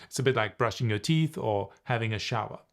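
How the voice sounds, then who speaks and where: A man coaching viewers on speaking expressively, teaching in a playful, animated way and demonstrating vocal exercises. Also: on the low side, brisk. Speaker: presentation coach.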